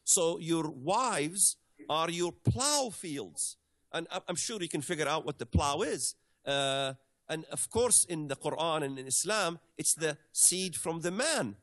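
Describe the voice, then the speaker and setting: A man's voice: on the high side, lively intonation, moderate pace, fairly bright tone. A man from the Middle East, a guest commentator explaining things in conversation, hesitant and full of fillers and restarts.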